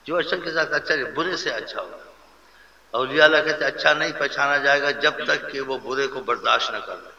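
Gravelly male preacher in an echoey hall. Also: mid-range voice, bright, forceful tone. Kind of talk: sermon. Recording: echoey hall, dull lo-fi sound.

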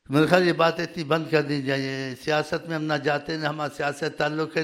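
A man speaking as a spiritual leader in a religious talk to his followers, scolding and emphatic, often growing loud and fiery. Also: a little high.

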